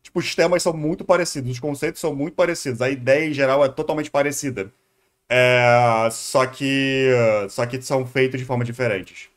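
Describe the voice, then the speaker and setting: Here a man with a Brazilian Portuguese accent reacts to a video on stream, speaking briskly at medium pitch with a steady tone. He thinks out loud casually, pausing and repeating words.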